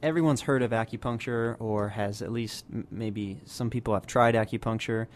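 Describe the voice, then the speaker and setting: A man with a low voice explains at length as a radio guest, pausing and restarting as he works through his points. A faint hum sits under his voice throughout. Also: steady tone. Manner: explanatory, many fillers and restarts. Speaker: health practitioner guest. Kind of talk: radio interview.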